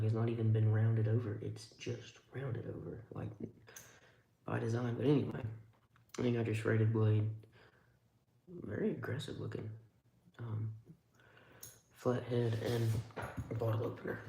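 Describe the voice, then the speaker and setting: Man, gravelly, wry rambling live-stream chat, echoey room. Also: lowish voice, level tone, moderate pace, pauses often, mellow. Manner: rambling, wry remarks while handling tools. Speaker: live streamer reviewing multi-tools. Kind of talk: casual live-stream commentary.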